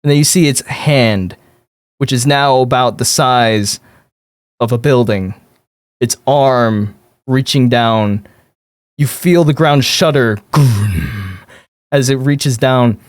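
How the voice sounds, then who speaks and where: A man's voice: medium pitch, dry recording. Man narrating a tabletop game, dry sound. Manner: descriptive, halting phrase by phrase. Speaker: game master.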